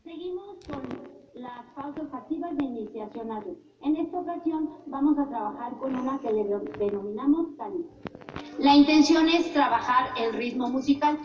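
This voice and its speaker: A woman's voice: high voice, moderate pace, a little hiss or hum. A woman, a music teacher demonstrating rhythm exercises, counting beats aloud with claps. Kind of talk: classroom demonstration. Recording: echoey room from a distance, dull sound, music behind.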